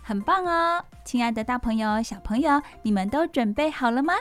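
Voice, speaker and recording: A woman with a Taiwanese accent hosting a children's bedtime story show, speaking directly to young listeners with questions and soft sentence endings. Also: on the high side, animated, moderate pace, soft background music.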